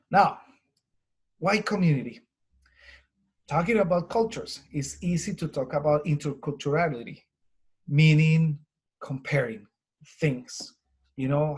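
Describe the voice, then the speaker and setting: Husky man with a Colombian accent. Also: on the high side. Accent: Colombian Spanish. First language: Spanish. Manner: earnest, conversational, frequent fillers. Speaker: language teacher presenter. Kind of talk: webinar presentation.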